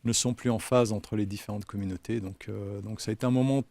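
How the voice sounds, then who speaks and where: A man's voice: on the low side, fairly even intonation, fast, gravelly, darkish tone, dry recording. A man born in Yugoslavia and raised in France speaks thoughtfully as an interview guest. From Yugoslavia, raised in France from age five. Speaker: company co-founder, guest. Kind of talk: casual interview talk.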